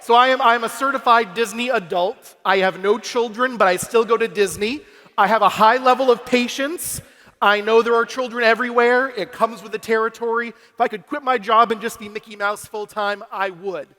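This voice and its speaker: His voice is very high-pitched, bright and forceful, with a steady tone at normal speed, echoing in a large hall through a stage microphone and PA. He's a young man from Massachusetts on a convention hall stage, giving an upbeat, self-deprecating keynote and working a youth conference crowd.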